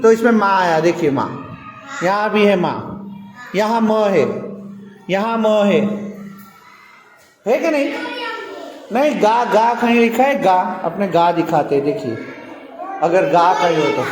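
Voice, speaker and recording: Woman, primary school teacher, slow speech, patient, repeats questions, echoey classroom, background noise. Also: on the high side. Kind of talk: classroom lesson for young children.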